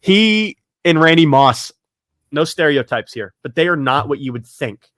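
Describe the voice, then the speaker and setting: A man hosting a casual sports podcast, joking and excitable, rattling off long lists. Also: on the high side, measured pace, dry recording, clean studio sound. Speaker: podcast host.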